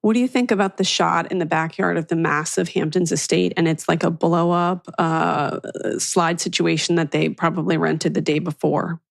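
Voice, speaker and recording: A woman hosts a podcast in easy, gossipy chat, tossing in wry asides and jokes. Her voice has a gravelly, creaky texture. The recording is close and dry. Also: lowish voice, steady tone, moderate pace, few pauses, no room sound. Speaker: podcast host.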